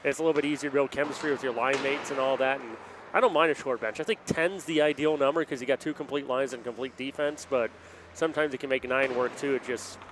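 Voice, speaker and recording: A man's voice: mid-range voice, fairly even intonation, fast, background noise. A man doing color commentary for an amateur hockey game from a rink booth, laid-back, laughing easily, talking like a player.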